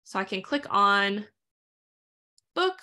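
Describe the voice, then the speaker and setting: A woman walks viewers through a software tutorial in a live webinar. Her voice is bright and forward, and she talks quickly in a casual, chatty way, filling pauses with ums and uhs. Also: medium pitch, sing-song. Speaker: instructor leading a live webinar.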